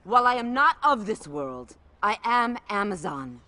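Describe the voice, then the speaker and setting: A woman's voice: mid-range voice, very animated, normal speed, pushed and bright. A woman playing a proud, righteous Amazon warrior princess in a game cutscene, speaking formally and imperiously. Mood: rousing, commanding. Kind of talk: dramatic video game cutscene acting. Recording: music behind the voice.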